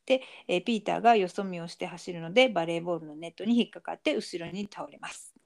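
A woman in casual chat, calmly narrating a TV episode scene by scene and chuckling now and then. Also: fairly low pitch, quick pace, creaky.

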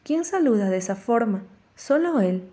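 Mellow-voiced woman narrating an audiobook. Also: a little high, animated, moderate pace. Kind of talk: first-person audiobook narration.

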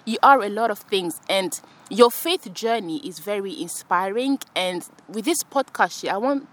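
A French woman hosts a podcast while sitting outdoors on the grass, chatting warmly and casually with a guest. She laughs frequently and uses plenty of fillers, her mid-range voice expressive and her pace normal.

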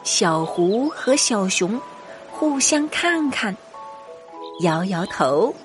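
A woman's voice: medium pitch, big pitch swings, extremely slow. A woman narrating a scripted story for young children as a storyteller. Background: music.

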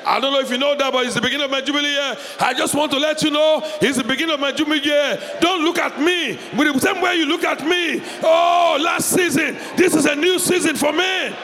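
A pastor preaching a sermon with passion, repeating phrases and leading the congregation in call-and-response. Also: male voice, very high-pitched, fairly quick, hardly any pauses, sharp tone, shouting, some chatter behind. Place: church hall. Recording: reverberant hall with faint background noise.

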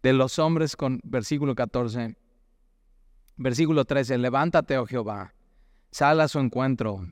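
A man's voice: medium pitch, a little slow, no echo, studio quality. A man, preaching a sermon as a pastor in a conversational way, asking his listeners questions.

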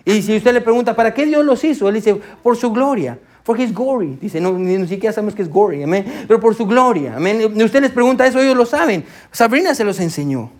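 A man in his thirties preaching a sermon as pastor, conversational and warm, often calling out to the congregation. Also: high-pitched, expressive, fairly quick, few pauses. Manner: warm, conversational preaching with frequent "amén" and "hermano". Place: church sanctuary.

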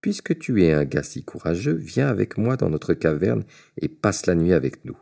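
Un homme jouant un géant bourru et dédaigneux. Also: male voice, deep voice, sing-song, moderate pace, gravelly, mellow, full character voice. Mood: scornful. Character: big gruff male giant, scornful.

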